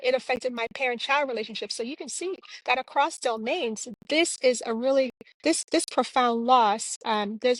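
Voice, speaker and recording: A woman's voice: on the high side, dry recording, rough recording. A woman from Jamaica, a clinician and author, answering interview questions in a reflective, earnest way with frequent fillers.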